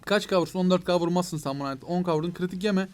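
A young gaming YouTuber with a high voice gives quick, excitable commentary while playing a mobile game, with faint music behind him. He speaks to his viewers, calling them "gençler," and to the game itself, slipping into mock frustration when things go wrong.

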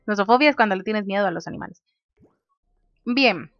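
A woman's voice: mid-range voice, lively intonation, a little fast, no echo, highs cut off, soft background music. A woman casually commenting on a life-sim game, reading menu options aloud and laughing often. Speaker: gaming youtuber. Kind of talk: casual let's play commentary.

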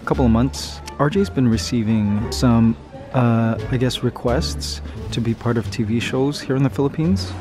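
A man's voice: medium pitch, moderate pace. A man in his thirties talking casually to his camera backstage as a vlogger. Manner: chatty, then hushed whisper. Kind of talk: casual vlog talk to camera. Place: backstage at a TV studio. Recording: music under the voice.

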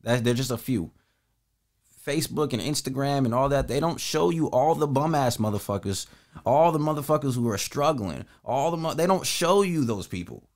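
A man's voice: mid-range voice, animated, normal speed, a little mellow. A man in his twenties hosting a reaction video, talking in laid-back slang. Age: 20s. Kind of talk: casual reaction commentary.

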